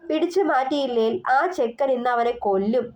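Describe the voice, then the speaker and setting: A woman's voice: fairly high pitch, normal speed, darkish tone, highs cut off, natural voice. A woman voicing an urgent, alarmed young woman bringing news in a storybook reading.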